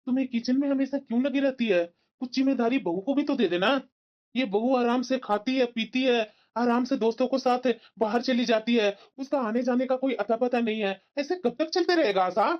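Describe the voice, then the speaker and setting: A woman's voice: on the high side, a little fast, lightly acted. A woman voicing a stern older father-in-law in a cartoon, who lectures and disapproves. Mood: disapproving. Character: stern, grumbling older father-in-law, protective of his wife. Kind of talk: cartoon voice acting. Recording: slightly dull lo-fi audio.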